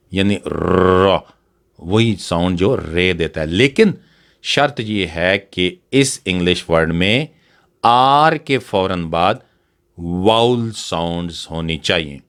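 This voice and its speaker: Slow, smooth-voiced man teaching. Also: deep voice, a bit bright. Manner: patient, repeats example words one by one. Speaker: English teacher. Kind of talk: slow explanatory lesson.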